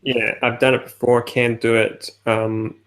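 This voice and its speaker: A man's voice: mid-range voice, level tone, measured pace, a bit bright. A man co-hosting a casual podcast, talking in a hesitant, matter-of-fact way with many fillers. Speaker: podcast co-host. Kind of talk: casual chat.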